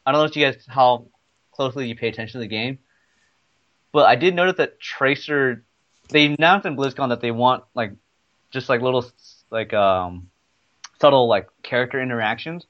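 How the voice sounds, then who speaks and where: A man's voice: medium pitch, normal speed, lo-fi sound. A man chatting casually about a video game, rambling with many restarts. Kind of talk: casual gaming chat.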